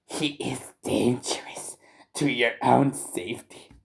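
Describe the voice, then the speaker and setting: A man doing a mocking impression of a woman reading an exposé aloud, in a breathy half-whisper that stumbles over the words. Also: medium pitch, fairly even intonation, takes it slowly.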